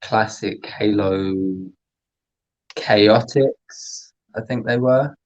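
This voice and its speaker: A man's voice: lowish voice, drawn-out words, darkish tone, no echo. A man in casual chat, laid-back and answering in short replies. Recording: slightly dull lo-fi recording.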